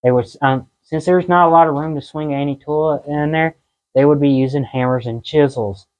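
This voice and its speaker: A man's voice: on the high side, normal speed, a little mellow, highs cut off. Folksy man guiding a cave tour. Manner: folksy, conversational. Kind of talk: informal guided-tour talk. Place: inside a limestone cave.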